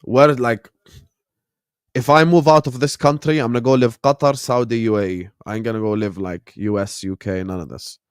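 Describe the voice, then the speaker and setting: In clean studio sound with no room sound, a late-twenties Gulf man casually chats through a football watchalong live stream, reacting to the match and reading chat. He's slangy and relaxed, often chuckling and addressing viewers directly. His mid-range voice has a clean, steady tone at a normal speed.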